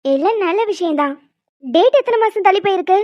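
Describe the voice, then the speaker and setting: A calm, reassuring doctor. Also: female voice, extremely high pitch, no room sound. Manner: measured, reassuring. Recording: dull dry sound.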